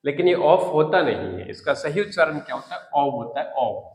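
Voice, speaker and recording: A man with an Indian English accent teaching a spoken English lesson, repeating key words slowly and emphatically. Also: on the high side, sing-song. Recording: echoey room with long reverb.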